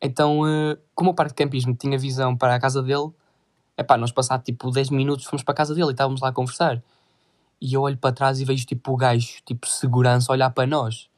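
Fast-talking Portuguese teen swearing a lot. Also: male voice, medium pitch, flat delivery, a little mellow. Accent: European Portuguese. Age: teens. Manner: crude slang, swearing, rambling. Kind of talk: casual storytelling.

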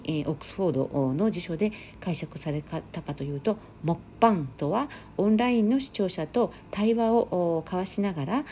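A middle-aged woman talks alone into her podcast mic, slow to explain and easy in her pauses. Her voice sits low and mellow. A faint hiss of noise runs under her voice. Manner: calm, explanatory, with frequent fillers. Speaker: podcast host. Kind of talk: solo talk show. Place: home near Seoul.

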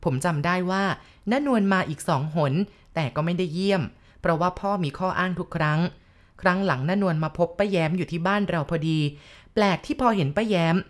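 A woman giving a calm, measured scripted narration of a ghost story. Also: fairly low pitch.

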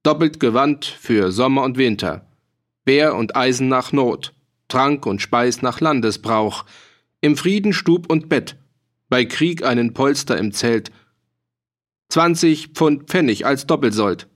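A man's voice: medium pitch, animated, unhurried, close to an everyday voice. A man voicing a cheerful, roguish male mercenary with a dialect, jovial and teasing. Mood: jovial boastful. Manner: jovial, teasing, bursts of laughter.

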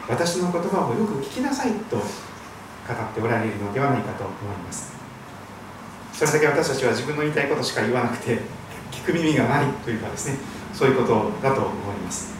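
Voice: mid-range voice, noisy background. A pastor from Shikoku giving an earnest, emphatic sermon in a church. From Shikoku, Japan. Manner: earnest, emphatic preaching with hymn singing. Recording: very echoey hall, voice from a distance.

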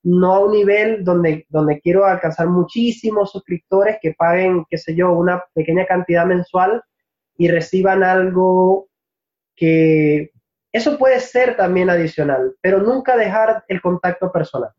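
A man from Venezuela, a Spanish teacher, answering interview questions in a reflective way, often pausing to search for words and laughing easily. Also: high voice. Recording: dull, lo-fi recording.

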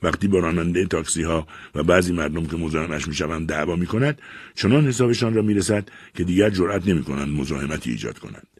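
A man reading a literary short story aloud in a measured, expressive way. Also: sits low, breathy edge, no echo, clean studio sound. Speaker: audiobook reader. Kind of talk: scripted story narration.

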